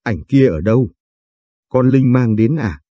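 A man's voice: medium pitch, lively intonation, a little slow, mellow, no echo. A man voicing a tough, foul-mouthed young woman who scolds and threatens, in an audiobook reading. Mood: scolding. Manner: coarse, threatening, bossy.

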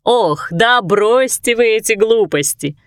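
A fussy, loving old fairy nanny from a storybook, gently scolding and soothing, as a woman reads her lines. Her pitch rises and falls freely, close and dry. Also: lively intonation, slow, no echo. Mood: fussing.

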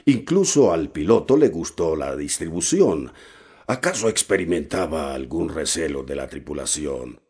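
A man reading a novel aloud as narrator, steady and measured with occasional hesitations. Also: extremely low pitch, slightly rough. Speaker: audiobook narrator.

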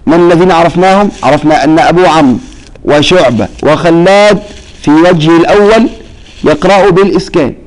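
A man's voice: fairly high pitch, brisk, low-quality recording. A man teaching a Quran recitation lesson, explaining step by step and checking with his students that they follow. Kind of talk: classroom lesson.

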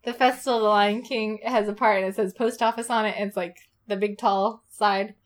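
A woman's voice: medium pitch, fairly even intonation, fairly quick. A woman co-hosting a podcast, chatty and enthusiastic, giggling often. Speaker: podcast co-host. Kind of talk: casual chat.

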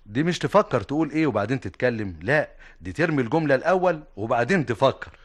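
An actor playing a bookish, talkative husband who grumbles fondly, in an Egyptian Arabic radio comedy. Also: male voice, mid-range voice, lively intonation, quick pace, lightly acted.

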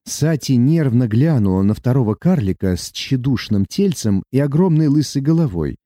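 A man narrating a novel as an audiobook, reading in an expressive, dramatic way. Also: medium pitch, moderate pace, no echo, studio quality.

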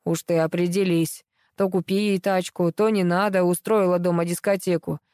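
A woman's voice: on the low side, level tone, moderate pace, mellow, dry recording, clean studio sound, natural voice. A woman reading the lines of a haughty, condescending middle-aged man in an audiobook. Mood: smug.

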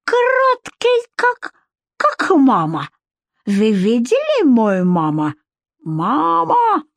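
A high, squealing male shopkeeper who mangles his grammar and gets worked up fast, acted by a woman reading. The voice jumps up and down wildly and comes across dry and close. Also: huge pitch swings, no echo, exaggerated voice. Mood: excited, pleading. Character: excitable male shopkeeper with broken speech, thin voice.

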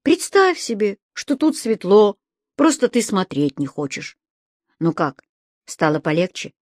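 A woman voicing a kindly old man who calmly reassures and gently lectures in an audiobook story. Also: medium pitch, a little slow, dry recording, clean studio sound. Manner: calm, soothing, a little lecturing.

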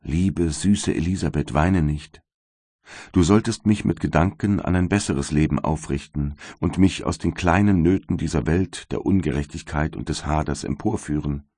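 A devout young servant woman awaiting death, tearful and imploring, read by a man. The voice is very low and dry, recorded close. She speaks as a figure in a classic storybook. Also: moderate pace, warm tone, no room sound. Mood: tender.

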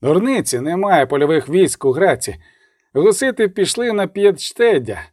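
Angry bishop barking orders, guy doing the voice, higher pitch, dry close mic, audiobook. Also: big pitch swings, normal speed, darkish tone, dry recording. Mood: furious. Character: commanding furious male bishop, middle-aged.

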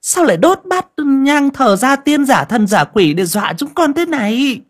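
A shrill scheming daughter-in-law. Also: male voice, sing-song, normal speed. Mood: mocking. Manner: whining, wailing, accusing.

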